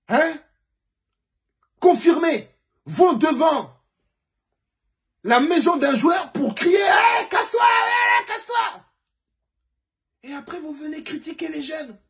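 A man doing a comic, indignant football rant to camera, firing rhetorical questions and swinging between shouting and low muttering. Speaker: comedian commentator.

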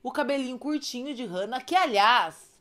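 A woman's voice: sits high, lively intonation, normal speed, fairly bright tone. A woman casually recapping funny moments, chatty, with asides to viewers and frequent fits of giggles. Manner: giggly, often breaks into laughter. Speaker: storyteller recapping roleplay streams.

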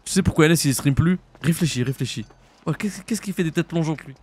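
A young French man streaming a roleplay game, chatting casually in slang and jumping into high shouts. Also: husky. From France. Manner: casual slangy banter, quick jumps to high-pitched shouts. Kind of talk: live-stream roleplay chat.

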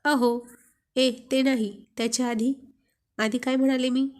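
A shy young wife speaks bashfully and fondly to her husband, voiced by a woman reading a storybook aloud. Her voice sits fairly high. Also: steady tone, measured pace, a little mellow. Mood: bashful, teasing. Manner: bashful and affectionate.

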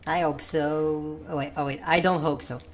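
In a voiced Roblox let's-play, a woman gamer plays Bluey, an excitable young girl puppy, narrating the game with shrieks and silly boasting. Her pitch sits low and her speed is normal, close to an everyday voice, while she comes across excitable and scared, jumpy and shrieking when frightened. Game music runs underneath.

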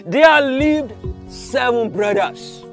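An actor with a Nigerian English accent playing a village man who slowly and slyly questions a teacher. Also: extremely high pitch, animated, faint music behind, full character voice. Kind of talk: scripted film dialogue.

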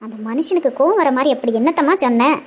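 A woman's voice: high-pitched, expressive, quick pace. A woman voicing a fierce, bossy old grandmother who scolds indignantly in a cartoon.

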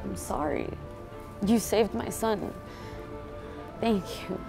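A woman's voice: medium pitch, slow, gravelly, over music. A woman acting as an entitled mother who complains to restaurant staff about everything. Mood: defensive. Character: rude, demanding mother who complains constantly. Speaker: actor in a web skit. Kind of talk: scripted skit acting.

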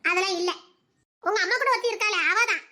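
A woman's voice: extremely high pitch, fast, sharp tone. A woman playing a hurt young village wife who speaks sharply and bitterly to her husband. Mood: defiant. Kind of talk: audio drama acting.

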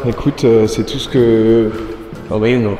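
A man's voice: on the low side, fairly even intonation, measured pace, lo-fi sound. A young man chats casually in slangy, joking French-style vlog talk, his voice ringing with hallway echo. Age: young adult. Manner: informal, slangy, jokey. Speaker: vlogger, dance contestant. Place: large indoor dance studio. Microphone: camera microphone, no body mic. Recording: very echoey room, music behind.

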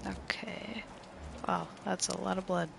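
Slow, gravelly game streamer. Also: mid-range voice, steady tone, background noise. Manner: slow, laid-back, reads tutorial text aloud. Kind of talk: casual live gameplay commentary.

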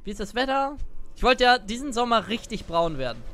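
Very high-pitched, with big pitch swings, he talks briskly in a pushed, bright voice over soft background music. This Italian-born gaming streamer in his twenties rambles casually to viewers as he comments on his gameplay. He's at an indoor gaming setup, wearing a headset and close to a desk mic.

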